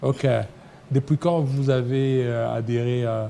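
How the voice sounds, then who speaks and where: A man interviewing guests casually, echoing their answers with quick interjections. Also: medium pitch, fairly even intonation, creaky, dark tone. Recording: faint background noise.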